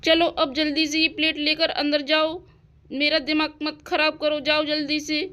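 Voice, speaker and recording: A woman's voice: high-pitched, little pitch movement, normal speed, bright, forceful tone. A woman voicing a strict mother in a doll-house cartoon story, nagging and scolding her daughter.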